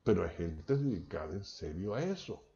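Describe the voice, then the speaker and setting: A man's voice: low voice, big pitch swings, normal speed, warm tone. A man with a Venezuelan accent from Maracaibo, a linguistics professor giving a chatty lecture over a video call, often checking in with "¿ok?". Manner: chatty, tags lines with "¿ok?". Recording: dull, lo-fi video call audio.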